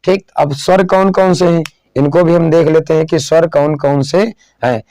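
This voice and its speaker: A man teaching a lesson, slowly repeating phrases and asking questions that he then answers himself, sometimes drawing words out as he writes on a board. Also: a little high, steady tone, mellow, dry recording. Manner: drawn-out dictation while writing on a board. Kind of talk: classroom lesson.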